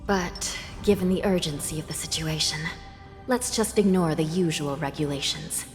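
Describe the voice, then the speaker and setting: Woman playing a stern young female prison judge, low-pitched, clipped formal orders, game audio, long reverb, loud music behind. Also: moderate pace, close to an everyday voice. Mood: resolute.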